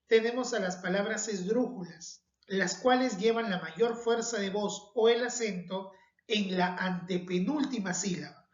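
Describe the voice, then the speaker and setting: A woman teaching a recorded spelling lesson, speaking slowly and carefully and stressing each example word. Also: medium pitch. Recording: dull echoey room.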